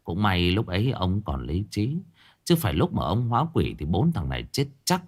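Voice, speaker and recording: A male storyteller narrating a ghost story with dramatic expression. His voice sits on the low side and rises and falls in a lively way. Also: normal speed.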